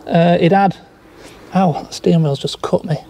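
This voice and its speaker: A man's voice: high-pitched, steady tone, moderate pace, dark tone, long reverb tail. A man rambling through a casual walkaround of a damaged car in a large workshop garage, with many fillers and restarts. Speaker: car salvage vlogger.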